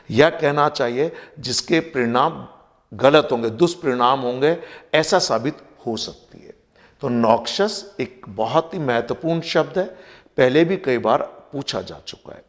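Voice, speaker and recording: A man teaching vocabulary in a lesson, explaining patiently, spelling words out letter by letter and repeating pronunciations. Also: medium pitch. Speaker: vocabulary teacher for competitive exams. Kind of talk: Hindi-English mixed vocabulary lesson. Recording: long reverb.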